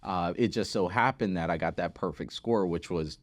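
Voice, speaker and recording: A physical therapist and business founder tells his story as a podcast guest, conversationally, leaning on key words and often checking in with "right?". His voice is deep at a moderate pace, recorded in studio quality with no echo.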